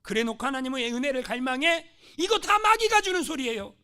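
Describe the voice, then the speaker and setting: A male pastor preaching a sermon, moving between hushed storytelling and fervent, rising exhortation. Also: extremely high pitch, expressive, brisk. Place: church sanctuary.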